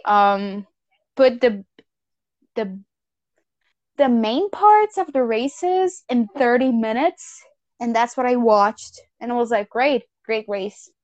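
A woman co-hosting a podcast, chatting in an animated, playful way. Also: a little high, dry recording, lo-fi sound. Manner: animated, playful, quick laughs. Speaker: podcast co-host. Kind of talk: casual chat.

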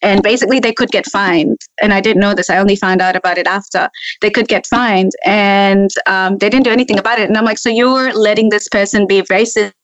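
A woman's voice: mid-range voice, fairly quick, no room sound, dull audio. A woman from Tanzania, a podcast guest, telling personal stories in casual chat and acting out the dialogue. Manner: lively storyteller, acts out quoted dialogue.

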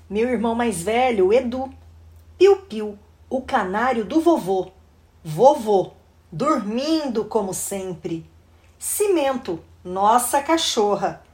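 A woman, reading a children's book aloud in a lively, animated way. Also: a little high. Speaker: storybook reader.

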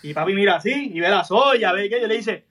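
Male co-host, high pitch, lively storyteller who mimics the people in his stories. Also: brisk. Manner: animated anecdote teller, acts out quoted voices. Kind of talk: casual storytelling chat.

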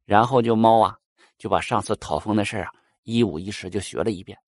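A man's voice: fairly low pitch, quick pace, a little mellow, dry recording, clean studio sound. A man telling a folk tale in a folksy Northeastern Mandarin accent. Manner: folksy, with "uh" fillers. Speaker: storyteller.

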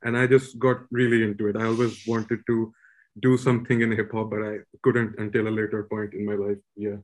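A man in his thirties from Pakistan, a rapper calmly telling his story on a podcast, English not his first language. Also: on the low side, fairly quick. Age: 30s. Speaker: rapper guest. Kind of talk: casual podcast chat.

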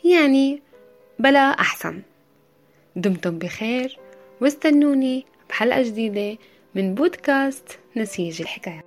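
A woman's voice: fairly high pitch, expressive, normal speed, pauses often. A woman with a Syrian accent telling a folktale as a podcast storyteller, in a traditional once-upon-a-time manner. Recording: music behind the voice. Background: music.

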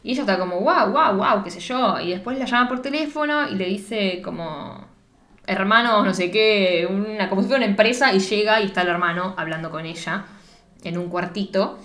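A young woman with a Rioplatense Spanish accent, co-hosting a casual chat and retelling a film plot in an animated, giggly way, acting out the lines. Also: mid-range voice, fairly quick. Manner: animated storytelling, giggly, acts out quotes. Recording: echoey room.

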